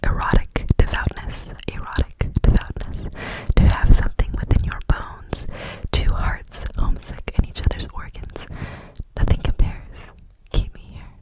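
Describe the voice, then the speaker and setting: Woman, soft unvoiced whisper, close mic, ASMR poetry reading, echoing words. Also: measured pace. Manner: repeats words softly as triggers. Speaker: ASMR creator.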